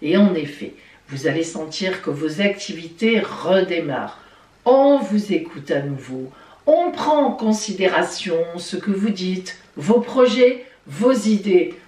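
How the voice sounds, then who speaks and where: A woman's voice: mid-range voice, recorded from a distance. A woman giving weekly horoscopes in a playful, chatty way, talking straight to her listeners. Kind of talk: casual horoscope reading. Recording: roomy sound from off-mic.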